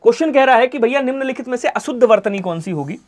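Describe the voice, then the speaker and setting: A man teaching an online Hindi exam-prep class, who answers his own questions in the voice of his students and lets the ends of his sentences fall quiet. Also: very high voice, expressive, quick pace. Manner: repeats answers in imagined student replies, drops to quiet trailing endings.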